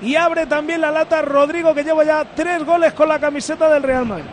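A man from Spain speaking on a radio football panel in an even delivery. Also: very high voice, fairly quick, slight background noise. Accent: Spanish from Spain.

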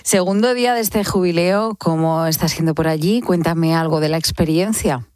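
Lively woman hosting radio. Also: fairly low pitch, moderate pace, no echo, studio quality. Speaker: radio host. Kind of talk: radio interview.

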